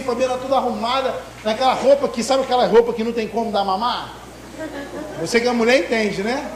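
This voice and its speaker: Male preacher, high-pitched, emotive delivery, echoey room with faint noise. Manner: emotive, swings between loud and hushed. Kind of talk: sermon.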